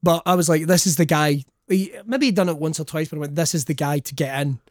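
A man's voice: fairly high pitch, quick pace, no echo, studio quality. A Scottish man chatting casually, telling jokey, sweary anecdotes and acting out the lines he quotes. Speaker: wrestling commentator and guest.

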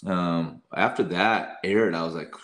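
A man's voice: sits low, measured pace. A young man, a singer and guest, telling stories in a casual interview and often quoting himself. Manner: lively storyteller, quotes himself often.

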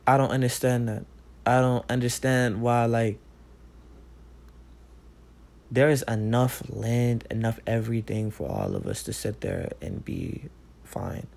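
A man's voice: medium pitch, lively intonation, moderate pace, gravelly, darkish tone. Man ranting casually, profane and rambling. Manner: profane, rambling, heated, repeats "like". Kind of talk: casual rant.

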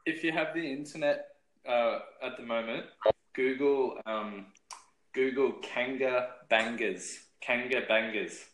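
A man's voice: medium pitch, measured pace. Joking Australian guy in a noisy kitchen. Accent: North Queensland Australian. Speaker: guest in a chat with a stranger. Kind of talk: casual chat. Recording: echoey kitchen with cooking noise.

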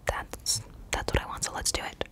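Whispering woman in her twenties, ASMR Q&A. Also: normal speed. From Colombia. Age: 20s. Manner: whispering, repeating words softly for trigger effect; casual, swears freely. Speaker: ASMR creator.

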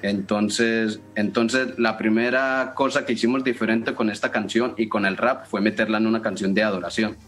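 A man's voice: lowish voice, fairly even intonation, normal speed, hardly any pauses, fairly bright tone. A man who raps at his church, talking earnestly in a casual interview with frequent fillers. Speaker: church member and rapper.

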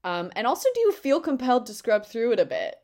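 A woman's voice: fairly high pitch, sing-song, quick pace, a little mellow, a little hiss or hum. A woman co-hosting a podcast, talking casually and rambling with lots of fillers and self-mocking humor. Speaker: podcast co-host. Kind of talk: casual comedic chat.

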